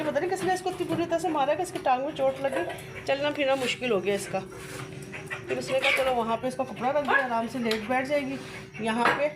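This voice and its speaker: A woman from Pakistan chatting in a casual home vlog, explaining at length and breaking into excited exclamations. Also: high voice. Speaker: mother of the vlogger. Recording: home audio with clear background noise.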